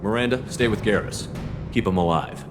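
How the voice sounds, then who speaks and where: An actor playing a tough human military commander in a video game, terse and confident. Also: male voice, on the low side, moderate pace, background noise, natural voice. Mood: commanding. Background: game music.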